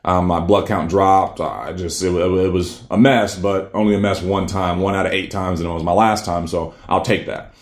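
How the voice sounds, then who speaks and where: A man's voice: low-pitched, steady tone, normal speed, hardly any pauses. A man in his thirties telling his own story in a rambling, earnest way, with many fillers and restarts. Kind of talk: casual personal storytelling. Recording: echoey room.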